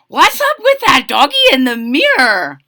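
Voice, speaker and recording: A woman voicing an excitable, imaginative little boy kitten in a storybook, with exuberant, dramatic exclamations. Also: high voice, moderate pace, pitched above the performer's own voice, heavily acted. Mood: excited, boastful.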